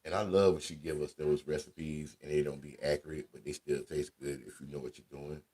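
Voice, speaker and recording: A man with a deep voice, telling casual family stories as a radio show host, laid-back and conversational with slang. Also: level tone, brisk, very noisy. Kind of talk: casual storytelling monologue.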